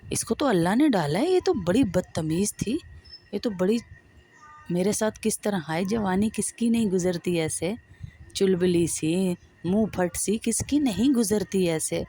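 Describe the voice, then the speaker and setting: A woman's voice: mid-range voice, dark tone, slight background noise. A woman with a Pakistani Urdu accent giving a religious talk to women, emphatic and scolding, often asking her listeners questions. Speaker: preacher.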